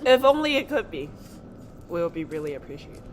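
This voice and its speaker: A young woman co-hosting a casual podcast, animated and quick to laugh as she steers the chat. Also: on the low side, a crowd in the background. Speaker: podcast co-host.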